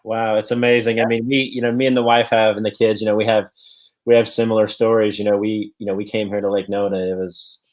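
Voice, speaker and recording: A man's voice: fairly low pitch, flat delivery, quick pace, a little mellow, rough recording. A man hosting a casual local-business interview, upbeat and loose, with many "you know" and "um" fillers. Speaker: host.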